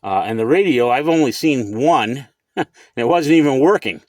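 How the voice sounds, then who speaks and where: A middle-aged or older American man, a hobbyist, shows off his CB radio in a casual, rambling vlog from inside his pickup truck, repeating himself often. His mid-range voice is animated and a bit dark in tone, at a moderate pace. The recording is studio quality with no echo.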